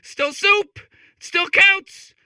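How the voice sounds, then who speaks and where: Here a man goes extremely high and very slow, bright and forceful, heavily acting a desperate, zany video game robot who's a hacky comedian. Manic and self-amused, it stammers through showbiz lines and keeps cracking itself up, as if improvising. The studio sound is clean, with no room sound.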